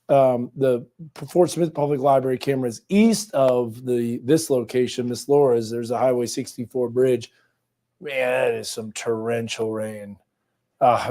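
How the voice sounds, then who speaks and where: A man hosting a live weather stream, hoarse and raspy with his voice going out, talking through radar and storm cameras in a loose conversational way. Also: mid-range voice, warm tone. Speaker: meteorologist host.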